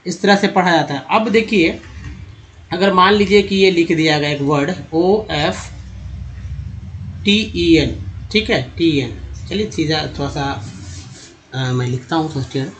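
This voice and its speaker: A man's voice: a little high, a little slow, pauses often. A man teaching English pronunciation, explaining step by step and repeating each word. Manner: repetitive, explains step by step, addresses viewers as friends. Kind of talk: spoken pronunciation lesson.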